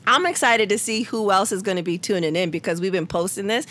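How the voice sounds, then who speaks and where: A San Diego woman in her thirties hosts a casual podcast chat, sounding laid-back and slangy and laughing a lot. Her voice sits in the mid-range, a bit bright, and she talks fast.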